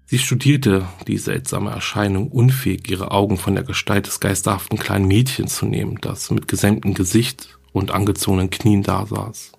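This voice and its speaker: A man giving a storybook narration in a steady, measured reading voice. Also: on the low side, creaky, slightly rough.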